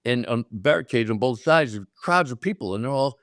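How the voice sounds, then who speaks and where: A man's voice: medium pitch, fairly quick, no room sound, studio quality. A man in his sixties telling a story in casual chat as a podcast guest, acting out quotes with a raised voice. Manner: animated, acts out quotes with raised voice. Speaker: guest, former pro ballplayer.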